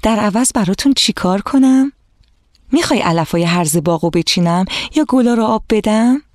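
A storyteller voicing an eager, cheerful young schoolgirl, raising the voice into a lighter, excited tone in a children's storybook reading. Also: medium pitch, dry recording, clean studio sound, voice pushed up, close to an everyday voice.

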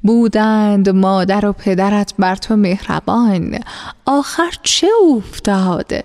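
A woman reading as a gentle, dignified merchant. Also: mid-range voice, close to an everyday voice. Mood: admiring. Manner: gentle and courteous. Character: dignified, kindly middle-aged merchant.

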